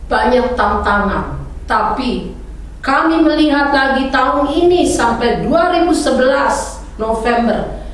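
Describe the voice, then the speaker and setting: Echoey woman preaching from far off. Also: on the high side. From Indonesia. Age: 40s. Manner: earnest preaching, growing fervent and emphatic. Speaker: minister to Indonesian migrants. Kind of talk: personal testimony and exhortation. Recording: very echoey room, mic far off.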